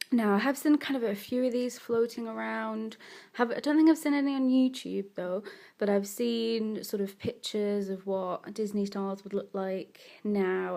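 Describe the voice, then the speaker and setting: A woman with a mid-range, slightly mellow voice and some vocal fry chats casually as an art vlogger over her drawing. She's a bit sniffly from a cold and rambles, correcting herself as she goes.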